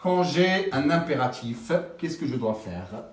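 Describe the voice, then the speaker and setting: A man teaching a French grammar lesson, explaining slowly and haltingly with many fillers and frequent checks like "d'accord?". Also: medium pitch, animated, slight background noise. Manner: slow, halting explanation with many fillers and rising question tags. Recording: roomy, from some distance.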